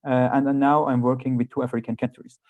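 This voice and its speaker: A man, an economist on a webinar panel, answering over a video call in halting speech while he searches for words. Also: mid-range voice, little pitch movement, dry recording. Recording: dry, muffled online call audio.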